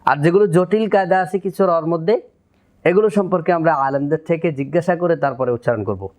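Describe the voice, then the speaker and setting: A man with a Bangladeshi Bengali accent teaching Quran recitation, patiently explaining and slowly repeating syllables to demonstrate pronunciation. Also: on the high side, a little mellow.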